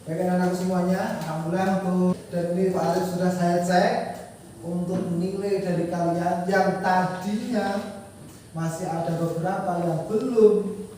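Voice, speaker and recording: A man's voice: high voice, flat delivery, normal speed, dark tone. A male teacher speaking to his class with an Indonesian accent, encouraging and direct. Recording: echoey classroom from far off, background noise.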